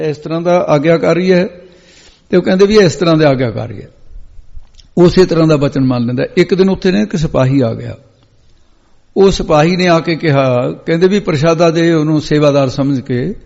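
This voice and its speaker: Male Sikh preacher, story-driven katha with slow chanted verses; lo-fi recording with hall echo. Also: fairly high pitch, creaky, darkish tone. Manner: chants scripture lines slowly, then explains them in speech. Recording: echoey hall, dull lo-fi sound.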